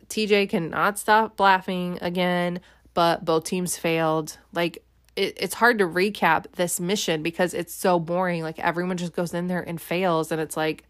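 Woman vlogger, casual and wry, filler-heavy recap delivery, lowish pitch. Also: smooth, dry recording, studio quality. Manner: chatty, frequent "like" and "um", wry. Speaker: reality show recapper.

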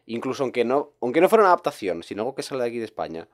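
A man's voice: medium pitch, sing-song, very fast. A man in a casual chat, thoughtful and hesitant with many fillers.

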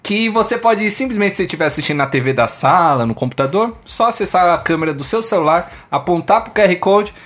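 A man with a Brazilian accent hosting a live podcast chat, energetic, laughing and shouting often. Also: high voice, fast, hardly any pauses. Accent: Brazilian Portuguese. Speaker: podcast host.

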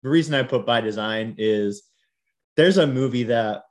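A man's voice: medium pitch, normal speed. A man co-hosting a casual podcast about TV and film, chatty, laughing often and wandering into asides. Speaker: podcast co-host.

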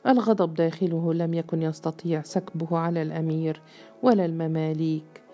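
A woman reading a historical novel aloud in steady, measured storytelling narration. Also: sits low, soft background music. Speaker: audiobook narrator.

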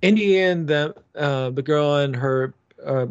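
A man's voice: on the high side, unhurried, clean tone, no echo, lo-fi sound. A man in casual podcast chat, rambling with frequent restarts and fillers. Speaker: podcast co-host.

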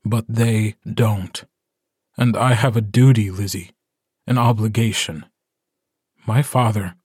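A male audiobook narrator playing a tired, stubborn grown man who leads a werewolf pack. He speaks in a grave, measured way. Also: lowish voice, fairly even intonation, darkish tone, husky, no room sound, clean studio sound.

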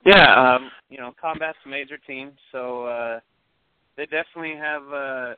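A male athlete guest giving a halting, understated interview by phone. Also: mid-range voice, steady tone, clean tone, no room sound. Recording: dry narrow phone line.

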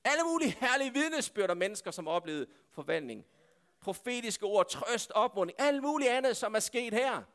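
Impassioned male preacher, high voice. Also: sing-song. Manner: impassioned, calling out to God, then dropping to hushed tones. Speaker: pastor. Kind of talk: sermon.

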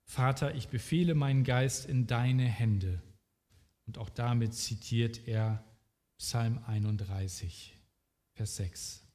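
A man preaching a sermon at a slow, deliberate pace, speaking earnestly and directly to the listener. His voice sits at an ordinary pitch and rings with a long reverberant tail. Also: a little mellow.

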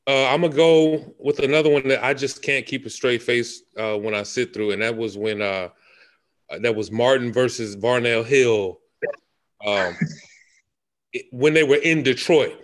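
A man co-hosting a podcast chats casually, often hesitating and using filler sounds. His voice is medium in pitch and his pace a bit slow.

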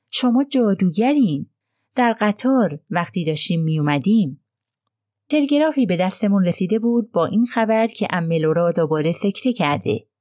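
A woman voicing a hesitant, gentle young gentleman who falters as he speaks in an audiobook. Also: mid-range voice, no room sound, clean studio sound, lightly acted. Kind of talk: audiobook reading.

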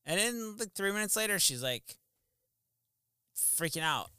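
A man's voice: high-pitched, lively intonation, a little slow, pushed and bright, clear, resonant tone, no room sound, studio quality. A man telling loose, swearing stories in a casual podcast chat. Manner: laid-back storyteller, swears freely. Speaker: podcast co-host.

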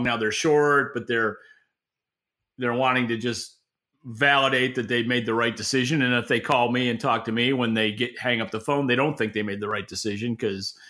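His voice is mid-range, pushed, and bright as he gives off-the-cuff, opinionated market explanations while co-hosting a podcast. The man, an industry analyst, keeps rephrasing in the middle of sentences.

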